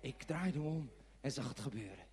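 An excitable clumsy forest ranger. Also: male voice, medium pitch, normal speed, husky. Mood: excited. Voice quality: animated, sweeping from hushed to shouting. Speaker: children's TV presenter in character. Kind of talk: storytelling to children.

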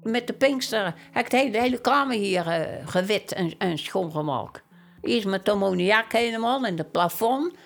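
An older woman, a widow, speaking plainly and haltingly in a candid documentary interview, often stumbling and repeating words. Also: mid-range voice, animated, gravelly, soft background music.

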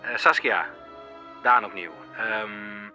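A man in film dialogue, first hesitating through a voicemail full of fillers, then talking bluntly and forcefully. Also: on the low side, takes it slowly, dull audio, faint music behind. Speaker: caller leaving a voicemail, then conversation partner.

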